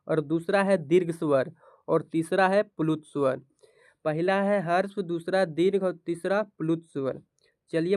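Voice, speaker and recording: A man's voice: a little high, darkish tone, clear, resonant tone, no echo, clean studio sound. A male teacher gives a grammar lesson to board exam students, asking each question aloud and answering it himself.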